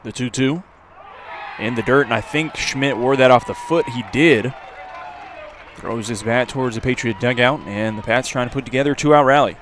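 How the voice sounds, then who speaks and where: Over the sounds of an outdoor ballpark crowd, a man provides live radio play-by-play of a baseball game. He speaks at a normal speed in a mid-range voice that's a bit bright.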